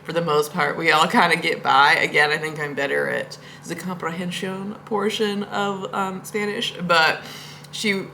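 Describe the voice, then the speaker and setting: A woman's voice: lowish voice, fairly even intonation, unhurried, creaky, pushed and bright, slight background noise. A woman vlogging from her home, telling rambling stories in a chatty way and laughing often. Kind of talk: casual storytelling vlog.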